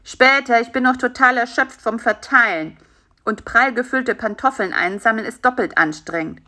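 A woman voicing a tired, stingy and lonely male spider in a children's story, in a sulky, drawn-out way. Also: on the high side, pushed and bright. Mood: sleepy.

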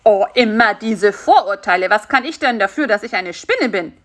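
A woman voicing an excitable, kind-hearted male spider who talks in a lively, brash way. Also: medium pitch, normal speed. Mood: pleading.

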